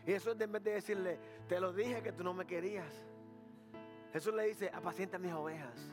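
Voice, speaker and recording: Male pastor, high voice, preaching with call-and-response questions and acted-out dialogue. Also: normal speed, music in the background. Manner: preaching with repetitions and rhetorical questions to the congregation; acts out dialogue between Jesus and Peter. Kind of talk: sermon.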